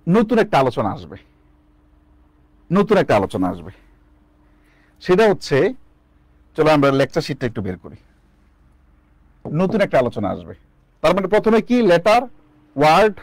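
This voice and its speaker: Lively high-voiced teacher. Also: male voice, no room sound. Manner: repeats questions to students, drills answers. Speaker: English teacher. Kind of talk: online lecture.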